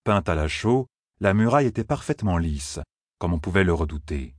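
A man narrating a fantasy novel as an audiobook, with a steady, expressive reading. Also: sits low, moderate pace, no echo, studio quality.

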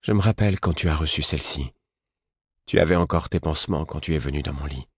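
A man voicing a tender, gentle woman in a hushed tone while reading a novel. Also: rumbling low, quick pace, husky, no echo, studio quality, full character voice. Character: tender grown woman, the narrator's lover.

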